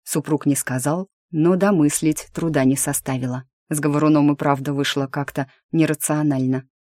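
A woman reading a first-person fantasy audiobook in a lively, wry storytelling manner. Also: low voice, moderate pace, no echo, clean studio sound. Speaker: audiobook narrator. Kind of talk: scripted fantasy narration.

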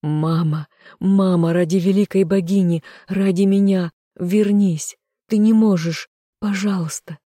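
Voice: medium pitch, level tone, normal speed, no echo, lightly acted. Narrator doing Azazel, screaming demon son. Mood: desperate pleading. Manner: desperate shouting and pleading. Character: anguished young male half-demon son. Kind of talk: audiobook character reading.

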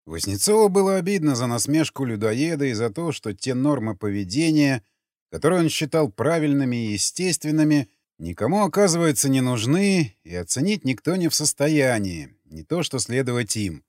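Casting: male audiobook narrator, animated delivery, dry booth sound. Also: mid-range voice, normal speed, dry recording. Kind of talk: scripted narration.

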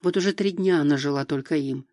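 A man's voice: a little high, quick pace, a little mellow, dry recording. Man narrating an audiobook, dry close sound. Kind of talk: scripted narration.

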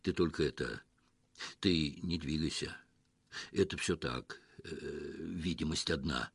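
A man voicing a gruff, grumbling village man with a hoarse voice in an audiobook story. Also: extremely low pitch, unhurried, fairly bright tone, no room sound, clean studio sound, voice pushed down, exaggerated voice. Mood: grim. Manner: grumbling, stern.

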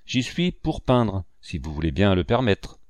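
Un vieil oncle peintre, bourru et taquin, que fait un lecteur à la voix grave, au ton sec et moqueur. Le son est mat et proche, sans aucune réverbération. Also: male voice, low voice, big pitch swings, unhurried, a little mellow, dry recording, studio quality.

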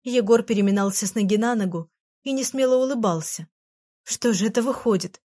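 A woman narrating a children's story aloud in an expressive, storytelling manner. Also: on the high side, brisk.

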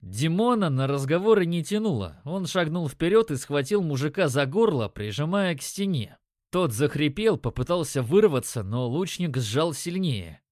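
A man narrating a story in a steady, measured audiobook style. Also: fairly high pitch, no room sound, studio quality.

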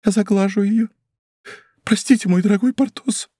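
A man's voice: normal speed, mellow, breathy edge, no echo, clean studio sound. A man voicing a miserly, lovestruck middle-aged prosecutor's wife who pleads and scolds. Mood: pleading. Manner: pleading, shrill, emotional.

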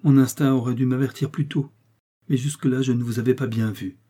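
A man's voice: medium pitch, fairly even intonation, fairly quick, mellow, natural voice. A man voicing a nervous aging woman servant who trembles and sobs as she pleads. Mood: agitated. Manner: trembling, sobbing pleas.

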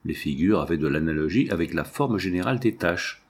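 A man narrating a novel as an audiobook reading, in a measured literary way. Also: low-pitched, expressive, husky.

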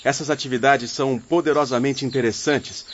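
A man's voice: mid-range voice, fairly even intonation, a little fast, close to an everyday voice. An actor playing a courteous male spirit leader, speaking formally and earnestly in a radio drama. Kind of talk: scripted radio drama acting. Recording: dull lo-fi audio, faint music.

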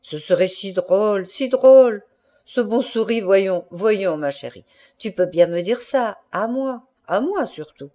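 A jealous middle-aged husband, voiced by a woman reading a storybook, badgering and insistent, stammering when shaken. His pitch swings widely from line to line over a dark, mellow tone. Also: lively intonation, measured pace, lightly acted. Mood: coaxing.

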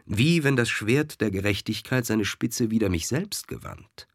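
A man's voice: fairly low pitch, expressive, unhurried, no echo, studio quality. A man voicing a proud army officer who speaks earnestly and with emphasis. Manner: earnest, emphatic soldierly speech.

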